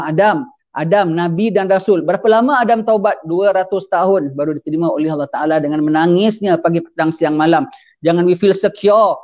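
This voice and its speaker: A man's voice: high voice, a little mellow, lo-fi sound. A man preaching a sermon, mixing English phrases into his speech and asking his audience questions that he then answers himself.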